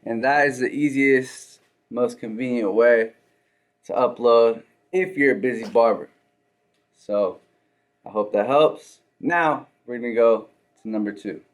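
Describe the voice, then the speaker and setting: Slow-talking man giving a barber's how-to. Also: medium pitch. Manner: walks through steps, tags lines with "right?". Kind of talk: casual how-to tutorial.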